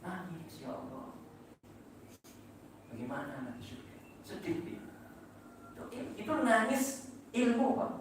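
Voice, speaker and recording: Male mosque preacher, high voice, heavy hall echo, picked up from a distance. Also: sing-song, slow pace, pauses often, a little hiss or hum. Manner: chanting Arabic phrases, then explaining with rhetorical questions. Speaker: religious teacher. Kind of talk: mosque sermon. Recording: echoey mosque hall from far off.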